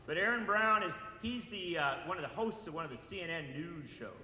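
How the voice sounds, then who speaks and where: A man from Wisconsin delivers a rousing political speech, his voice bright and cutting as he drives home repeated appeals. He sits a touch higher than most men. The sound rings through a large hall with a long, echoing tail. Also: animated, brisk. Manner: impassioned, rising to shouted repeated appeals. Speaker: speaker at a political event. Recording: echoey hall with long reverb.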